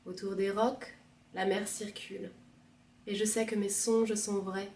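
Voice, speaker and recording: A woman librarian reading a poem aloud in a measured, soft expressive manner. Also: medium pitch, far from the mic. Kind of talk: poetry reading. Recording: roomy, from the mic.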